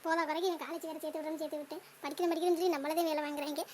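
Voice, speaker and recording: A woman voicing a nagging middle-aged cartoon mother who grumbles and complains nonstop in a squeaky voice. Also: steady tone, darkish tone, a little hiss or hum, natural voice. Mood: grumbling. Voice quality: squeaky, rapid-fire complaining. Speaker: mother-in-law. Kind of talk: cartoon comedy voice acting.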